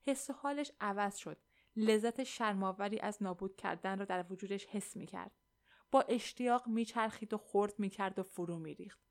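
A woman reading a thriller audiobook aloud in a steady narration. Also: mid-range voice.

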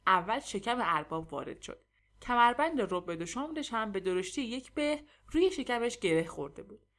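High-voiced woman reading a funny story. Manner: lively, expressive storytelling. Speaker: narrator.

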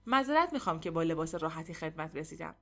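A pompous, portly landlord, as a woman reading a story puts him on, formal and self-important in every polite phrase. His voice sits a little lower than her narration, said with measured dignity in a storybook reading. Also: sing-song, fairly bright tone, full character voice. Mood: apologetic.

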